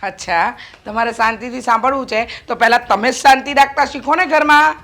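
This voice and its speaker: A woman's voice: a little high, a little fast, pushed and bright. An actress playing a stern, domineering middle-aged mother-in-law in a family drama, talking in a scolding, commanding way. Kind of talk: acted family drama dialogue.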